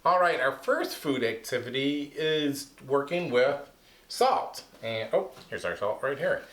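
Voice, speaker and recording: A man teaching a kids' science lesson in a casual, lively way, speaking to children. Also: medium pitch, a little slow. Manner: casual, lively, talks to kids. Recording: echoey room.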